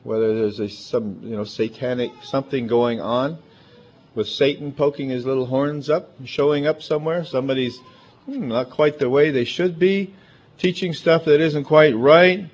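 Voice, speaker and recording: A pastor with a big, emphatic voice preaches a chatty, conversational sermon packed with asides. His voice is mid-range and his speed is normal. The recording sounds dull and lo-fi.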